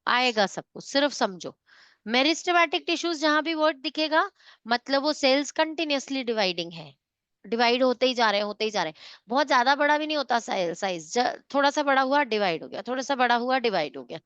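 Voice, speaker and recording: High-voiced woman teaching class. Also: a bit bright, clear, resonant tone, dry recording, lo-fi sound. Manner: mixes Hindi and English, checks students often. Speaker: science teacher. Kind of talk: online class lecture.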